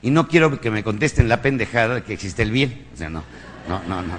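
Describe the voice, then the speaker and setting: A man's voice: on the low side, fairly quick, big-room sound, a little hiss or hum. A man with a Mexican accent giving a live motivational lecture, emphatic and preaching, with rhetorical questions and crude jokes. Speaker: motivational speaker.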